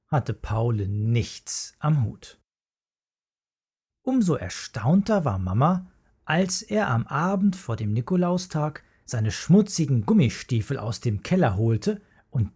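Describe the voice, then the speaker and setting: Slow, husky, lively storybook narrator. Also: medium pitch. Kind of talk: storybook reading.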